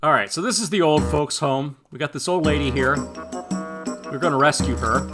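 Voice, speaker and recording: A man's voice: a little high, normal speed. A man hosting a casual gameplay commentary. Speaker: gaming host. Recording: loud game music behind voice. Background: loud game music.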